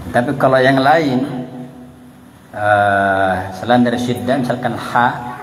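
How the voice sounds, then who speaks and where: A man's voice: medium pitch, slow, slight background noise, poor audio. A man with an Indonesian accent teaching a Quran recitation class, explaining patiently and sounding out letters aloud as examples.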